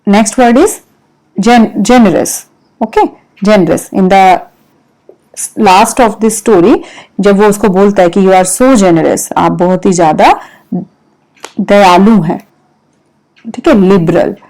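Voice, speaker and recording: A woman's voice: mid-range voice, extremely slow, pauses often, a little mellow, low-quality recording. A woman teaching English vocabulary with an Indian accent, spelling words out letter by letter and explaining their meanings patiently. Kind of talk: vocabulary lesson mixing English and Hindi.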